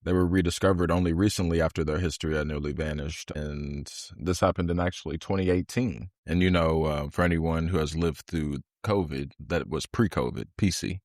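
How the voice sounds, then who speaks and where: A man co-hosting a podcast, telling a history story in a relaxed, casual way with lots of fillers. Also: rumbling low, brisk, few pauses, no echo, studio quality. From Louisville, Kentucky area. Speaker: podcast co-host. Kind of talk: casual chat.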